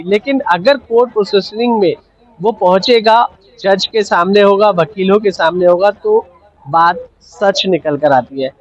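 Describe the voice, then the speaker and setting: Male on-location reporter, high pitch, formal and emphatic, muffled audio. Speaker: field reporter. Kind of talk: scripted field report.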